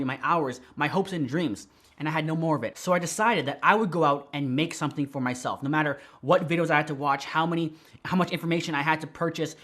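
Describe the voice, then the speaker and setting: A man teaching how to start an online business, talking straight to camera in a direct, energetic way, with a slight whistle on his S sounds. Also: a little high. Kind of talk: tutorial to camera.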